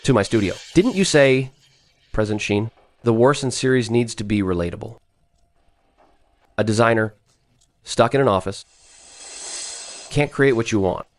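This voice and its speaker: A man's voice: mid-range voice, lively intonation, moderate pace, pauses often, natural voice. A man playing a provocative, protective designer in an English-dubbed drama, teasing and assured. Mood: challenging. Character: smooth-talking, provocative male designer, protective senior colleague.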